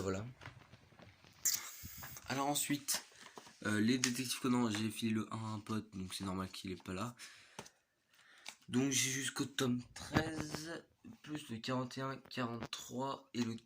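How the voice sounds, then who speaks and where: A young man with a congested, blocked-nose sound from a cold, chatting casually as he shows his manga collection in a vlog. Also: medium pitch. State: has a cold with a stuffy nose. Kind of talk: casual vlog chat, rambling collection tour. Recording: noisy amateur home recording with clicks.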